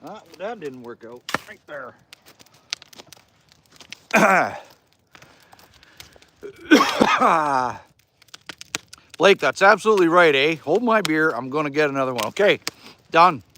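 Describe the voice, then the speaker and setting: This middle-aged Canadian livestream host chats folksy and jokes with viewers as he reads their comments, seated in his cabin by a wood fire. His fairly high voice is lively in intonation, pushed and bright, delivered slowly with long pauses, and a faint hiss or hum runs underneath.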